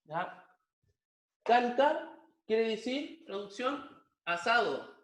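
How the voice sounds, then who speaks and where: A man teaching a language lesson slowly and patiently, repeating each word several times so that students can copy it. His voice sits fairly high for a man, and he is recorded in an echoey room. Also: sing-song, fairly bright tone. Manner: slow, patient, repeats words and drills pronunciation.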